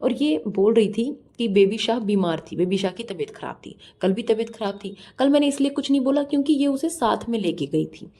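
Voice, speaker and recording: A woman's voice: fairly high pitch, animated, a little fast, few pauses, dark tone. A woman giving reaction vlog commentary in a scornful, mocking, scolding way. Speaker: reaction vlogger.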